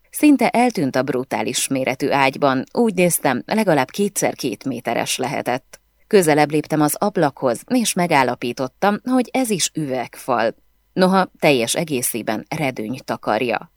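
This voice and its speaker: Female audiobook reader, low and lively delivery, dry studio sound. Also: no room sound. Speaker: audiobook narrator. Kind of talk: scripted first-person audiobook narration.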